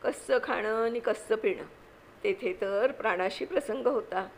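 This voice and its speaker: A woman reading a classic novel aloud with measured, expressive storytelling. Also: a little high, slight background noise, rough recording. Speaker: narrator.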